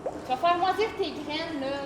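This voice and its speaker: Une élève à l'joue une jeune femme pragmatique, taquine mais attentionnée, au ton terre à terre. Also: female voice, very high voice, normal speed. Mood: teasing. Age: teens. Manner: matter-of-fact, teasing. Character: practical young woman, teasing yet caring. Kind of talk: school stage play. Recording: echoey hall, audible room noise.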